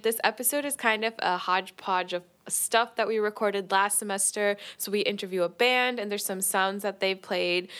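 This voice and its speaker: A woman's voice: mid-range voice, fairly bright tone. Upbeat young woman hosting a podcast. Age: 20s. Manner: upbeat, promotional. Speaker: student podcast host. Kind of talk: casual podcast chat.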